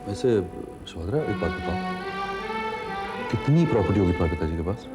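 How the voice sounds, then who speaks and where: An actor playing a greedy, scheming young husband in a TV serial drama, probing and defensive. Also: male voice, low voice, lively intonation, brisk. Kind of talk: TV serial acting. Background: loud background music score.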